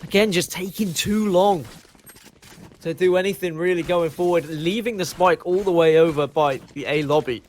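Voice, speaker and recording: A man doing lively play-by-play commentary on an esports match, bantering jokingly with his co-caster over a headset mic. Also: sits high, normal speed, a little hiss or hum. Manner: animated, jokey banter.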